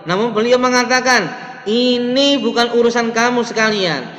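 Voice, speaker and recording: A man's voice: extremely high pitch, normal speed, fairly bright tone. A young man teaching an online class, reading slides aloud and explaining them, with frequent restarts. He records through a webcam. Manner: reads slides aloud and adds explanation, with restarts and stretched words. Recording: roomy, reverberant, dull lo-fi webcam audio.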